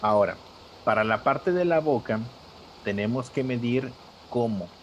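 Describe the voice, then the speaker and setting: A man's voice: mid-range voice, animated, a little slow, a little hiss or hum, poor audio. A man teaching a live drawing class, patient and step by step, calling on students by name.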